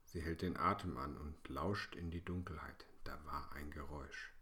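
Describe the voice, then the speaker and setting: A man narrating a children's bedtime story in a hushed, suspenseful way. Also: very deep voice, moderate pace.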